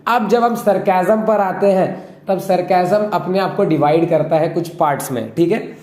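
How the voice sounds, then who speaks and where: Young male host, high voice, keeps asking if you follow, echoey room sound. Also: moderate pace, darkish tone. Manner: keeps checking in with listeners. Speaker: host explaining a topic. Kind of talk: casual explanatory talk.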